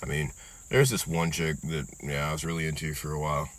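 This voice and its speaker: A man in his twenties in a casual, profane, joking chat who often trails off softly. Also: extremely low pitch, level tone, brisk, dry recording. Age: 20s.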